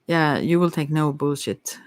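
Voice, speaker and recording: Speaking in a low, unhurried voice, a hesitant tarot reader offers an intimate ASMR reading that is casual and rambling. The sound is close and dry with no room sound, and she stammers, often trailing off and rewording her thoughts.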